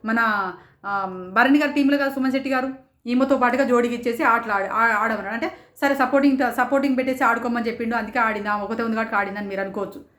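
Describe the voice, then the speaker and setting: A woman reviewing a reality show in rapid, indignant commentary, firing off rhetorical questions. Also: fairly high pitch, a bit bright, echoey room. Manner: rapid, rhetorical, indignant, quotes others in raised voices. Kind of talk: passionate commentary.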